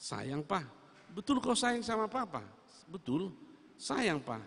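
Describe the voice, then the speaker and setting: A man voicing a father who gently asks his daughter for her pearl. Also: high voice, very animated, takes it slowly, vocal fry, breathy edge, heavily acted. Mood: coaxing. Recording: reverberant church hall.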